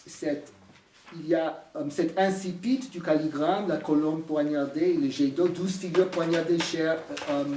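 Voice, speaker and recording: A man with an American accent giving a halting talk about his book, full of fillers and restarts. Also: on the high side, fairly even intonation, darkish tone. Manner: hesitant, many fillers and restarts. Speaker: author presenting his book. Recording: echoey room from far off.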